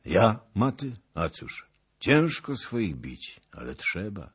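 A man voicing a fierce young Cossack leader who speaks slowly and heavily. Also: fairly low pitch, very animated, husky, pitched above the performer's own voice, heavily acted. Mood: grim.

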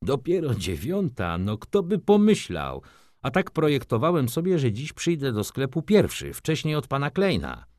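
A man's voice: mid-range voice, wildly swooping pitch, normal speed, a little mellow, no echo, studio quality, voice pushed up. A man voicing a young foppish shop clerk who talks effusively and fawns over customers. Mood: excitable. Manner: effusive, obsequious salesman patter. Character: young foppish male shop clerk, fawning, fast-talking.

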